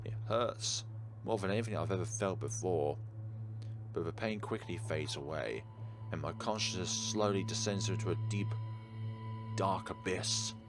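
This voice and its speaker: Music plays behind a deep-voiced man who reads a visual novel aloud at a moderate pace. His narration is dramatic and emphatic, peppered with reactions and casual let's-play chatter, and the background is clearly noisy.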